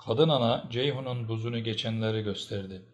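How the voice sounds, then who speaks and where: A man reading a historical novel aloud in a steady, measured narration. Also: mid-range voice. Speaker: audiobook reader.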